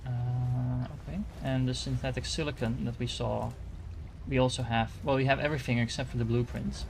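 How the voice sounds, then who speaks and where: This gaming streamer, a man from the Netherlands with a Dutch accent, muses aloud over his game in a loose way, full of fillers and false starts. He speaks at a moderate pace in a level, creaky mid-range voice, and a little hiss or hum sits under the recording.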